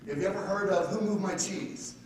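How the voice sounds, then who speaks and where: A man's voice: high-pitched, brisk. A man giving a live seminar talk to an audience, brash and joking with a salesy push. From Texas. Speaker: speaker. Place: conference room with audience. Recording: roomy, distant live hall sound.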